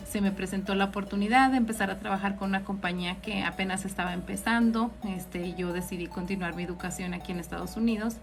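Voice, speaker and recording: With a gravelly, fairly bright mid-range voice, a northern Mexican woman from Ciudad Juárez fields audience questions as an accountant. She hosts the informal live session and explains things directly.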